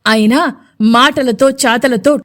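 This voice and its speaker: A woman's voice: sits high, slow pace, a bit bright. A woman voicing a stern middle-aged man who is fiercely protective of his son in a storybook audio drama. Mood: stern anger. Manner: stern, resolute.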